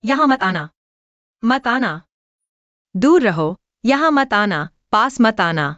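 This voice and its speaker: A frightened young woman pleads in a high, panicked voice, dubbed for a TV drama. The recording is dry and slightly muffled, with no room around it. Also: expressive, normal speed, fairly bright tone, dry recording. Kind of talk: Hindi dub of a TV drama.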